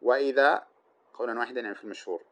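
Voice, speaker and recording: A man's voice: mid-range voice, very fast, fairly bright tone. A man teaching an Arabic grammar lesson, explaining step by step, repeating his examples and putting questions to his listeners before answering them himself.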